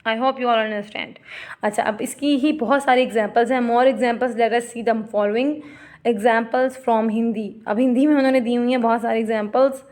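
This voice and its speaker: A woman giving a classroom lecture, explaining terms in Hindi-Urdu and reading definitions slowly, addressing students as "beta". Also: on the high side, fairly even intonation, a little mellow.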